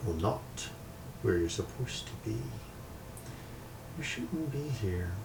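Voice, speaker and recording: A man voicing an unseen cold spirit that speaks low, quietly and firmly. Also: sing-song, slow, gravelly, background noise, exaggerated voice. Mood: hushed stern. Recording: mic set back, faint music.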